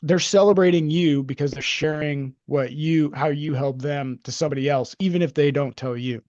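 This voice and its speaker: A man's voice: on the high side, moderate pace, a little mellow, dry recording, lo-fi sound. A man co-hosting a podcast, rambling and hesitant with lots of fillers as he gives his opinion. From United States. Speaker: podcast co-host. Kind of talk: casual opinionated chat.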